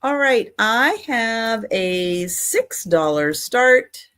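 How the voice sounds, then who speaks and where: A woman's voice: a little high, lively intonation, drawn-out words, a bit bright, smooth. A woman co-hosting a casual live online auction, calling out the bids. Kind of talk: casual live-sale chat.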